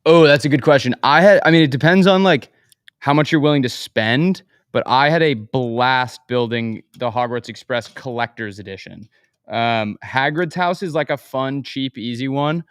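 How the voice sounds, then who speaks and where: A young man hosting a casual chat, relaxed and easily amused, with lots of fillers. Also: medium pitch, moderate pace, clean tone, no echo, clean studio sound. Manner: laid-back, laughs easily, lots of fillers. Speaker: host.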